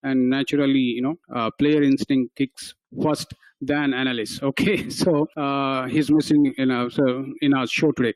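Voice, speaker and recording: A man's voice: medium pitch, steady tone, normal speed, no echo, rough recording. A man hosting a casual radio sports talk show, who often stops and restarts his sentences.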